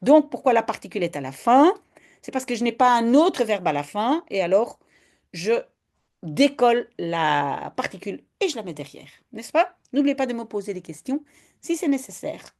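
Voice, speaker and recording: A woman's voice: fairly high pitch, sing-song, moderate pace, darkish tone. A woman from Belgium, patiently teaching Dutch step by step in an online lesson and often adding "hein".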